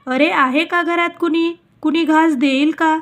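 A woman's voice: high-pitched, unhurried, darkish tone. A woman reading as a bitter, scolding old beggar woman. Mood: pleading. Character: poor old woman, stern and indignant.

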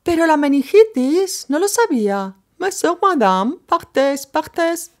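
A woman's voice: high-pitched, very animated, measured pace, pitched above the performer's own voice. A woman voicing a frantic middle-aged hotel proprietress with a Corsican Italian accent, pleading and calling out. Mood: pleading, panicked. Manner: pleading, shouting from afar.

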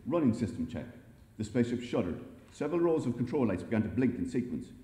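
A man reading a humorous story aloud to a live audience in a wry, lively way, recorded in an echoey library hall. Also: mid-range voice, fast talker. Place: library event space.

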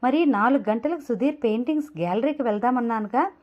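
A gentle, soft-spoken young woman asks hesitantly, as a woman narrator voices her. Her voice sits somewhat high. The audio is muffled and lo-fi. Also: fast talker, close to an everyday voice. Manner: dull, hesitant asking. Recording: dull lo-fi audio.

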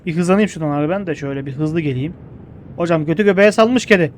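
Young guy yelling at a game he's playing, highish voice, faint hum behind. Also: fast talker. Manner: excitable, jokey, yells at the game. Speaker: gameplay streamer. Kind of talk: gameplay commentary.

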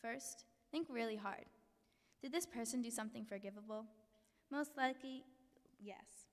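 A woman's voice: on the high side, moderate pace. Teen girl speaking in a reverberant hall. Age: teens. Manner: earnest, reads from notes with small slips. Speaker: student speaker. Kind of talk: prepared speech read aloud. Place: large school hall with an audience. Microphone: podium mic, filmed from the back of the hall. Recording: long hall reverb, distant camera.

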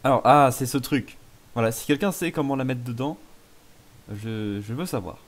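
Here the same kind of let's play commentary comes at a moderate pace, his mid-range voice full of lively intonation. The YouTuber stays playful and self-mocking while talking to his viewers about the game.

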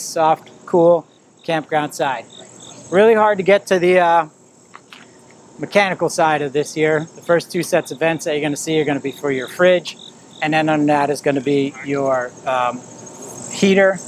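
With a little hiss or hum in the recording, a man's higher-pitched voice guides listeners through a small trailer at an outdoor RV display. He's in his fifties and presents the camper tour casually, pointing out details as he moves about.

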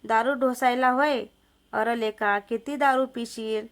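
A woman's voice: on the high side, steady tone, measured pace. A woman voicing a lecherous, threatening male village moneylender in a story. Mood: sly. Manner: threatening, coaxing. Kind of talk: storybook narration.

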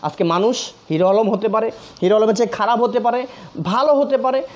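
A man's voice: high voice, a little fast. A man hosting a commentary video, speaking earnestly and appealing directly to his viewers, often repeating phrases for emphasis. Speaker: commentary channel host. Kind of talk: emotional social media commentary.

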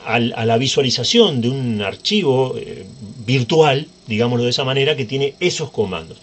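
A man's voice: medium pitch, a little hiss or hum. Chatty man explaining computers. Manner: informal, chatty, checks in with "¿tá?". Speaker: tech tutorial presenter. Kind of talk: screen-recorded computer tutorial.

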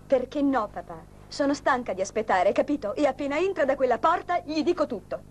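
A woman's voice: high voice, animated, fairly quick, a little hiss or hum. A woman voicing a spoiled, impatient young woman eager to marry, in a dubbed telenovela. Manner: impatient, snobbish. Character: spoiled, excitable young bride-to-be. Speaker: daughter.

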